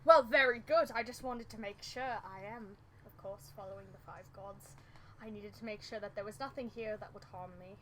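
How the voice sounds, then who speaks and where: A woman's voice: mid-range voice, moderate pace, noisy background, natural voice. A woman voicing a sly, overly polite male adventurer with demonic leanings in a tabletop game.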